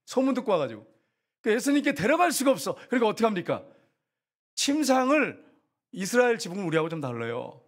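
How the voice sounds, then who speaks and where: Male pastor, middle-aged, high voice, sermon, animated, rhetorical questions. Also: fast.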